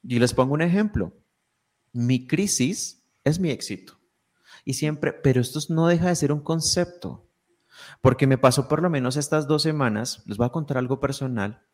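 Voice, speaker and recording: A man's voice: mid-range voice, moderate pace, darkish tone. Reflective man explaining ideas in conversation. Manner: reflective, explanatory, frequent restarts. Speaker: guest speaker. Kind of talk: conversational podcast talk.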